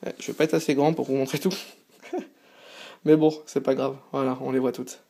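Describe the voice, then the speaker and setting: A man's voice: medium pitch, steady tone, moderate pace, vocal fry, warm tone. A tired man hosting a casual unboxing vlog from a small sofa indoors, talking eagerly and stopping often to hesitate. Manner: eager, chatty, frequent hesitations. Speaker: channel host.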